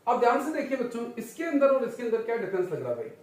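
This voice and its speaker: A man's voice: very high voice, huge pitch swings, rapid-fire, far from the mic. A man teaching a chemistry lecture, quizzing his students with repeated questions and calling them children. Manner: calls students "children" and "son". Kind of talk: classroom lecture. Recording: very echoey room, voice off-mic.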